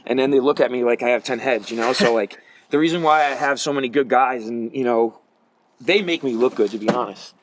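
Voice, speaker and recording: A man's voice: medium pitch, brisk. An American man in his forties talking casually and emphatically as a coach answering interview questions, in colloquial phrasing. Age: 40s. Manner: colloquial, emphatic, peppered with "you know". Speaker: jiu-jitsu coach and competitor. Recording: noisy recording with clicks.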